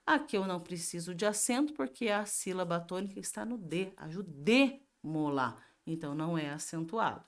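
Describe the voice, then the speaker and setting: A woman's voice: on the low side, lively intonation. A woman teacher with a Brazilian Portuguese accent giving a grammar review lesson, explaining step by step and asking herself questions before answering them. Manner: slow and explanatory, asks and answers her own questions.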